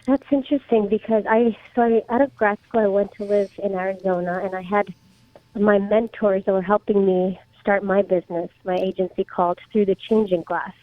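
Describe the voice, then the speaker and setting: A woman in her thirties talks through her answers on a tinny, phone-like line. She is from the Czech Republic and often pauses and restarts her sentences. The sound is dry, with no room around it. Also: medium pitch, fairly even intonation, no room sound. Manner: hesitant, many restarts and fillers. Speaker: startup guest. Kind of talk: casual interview answers.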